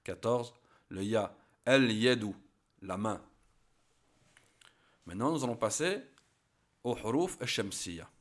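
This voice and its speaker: A man teaching a language lesson, saying each example word slowly and then repeating it so learners can copy the pronunciation. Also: lowish voice, lively intonation. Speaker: Arabic teacher. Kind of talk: slow spoken lesson.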